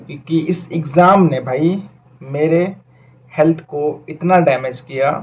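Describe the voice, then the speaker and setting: A man's voice: a little high, a little mellow, highs cut off. A young man in his twenties from India, talking earnestly and reflectively to camera and mixing in English words. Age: 20s. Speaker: vlogger and aspiring doctor. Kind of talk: casual talk to camera.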